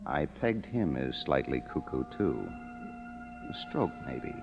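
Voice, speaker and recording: He has a very deep, sing-song voice and takes things slowly in a full character performance. An American man portrays a wry, weary, sardonic screenwriter, young, broke, and cynical, narrating his own story in a 1950s radio drama whose muffled old recording carries music behind it.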